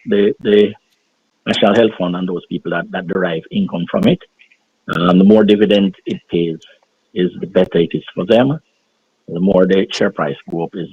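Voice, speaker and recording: A man's voice: sits low, dark tone, breathy edge, no echo. Muffled middle-aged man, through a wall. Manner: hesitant, many pauses and ums. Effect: muffled, as if heard through a wall. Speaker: caller. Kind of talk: casual discussion. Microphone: phone. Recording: muffled dull call line.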